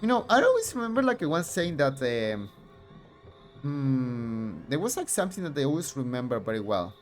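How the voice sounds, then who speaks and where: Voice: medium pitch, big pitch swings, moderate pace, soft background music. A streamer casually commenting while playing a retro game, rambling with many fillers.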